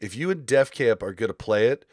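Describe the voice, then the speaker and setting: A man co-hosting a casual gaming podcast, talking excitably and swearing casually. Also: lowish voice, brisk, no room sound, studio quality. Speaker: podcast co-host.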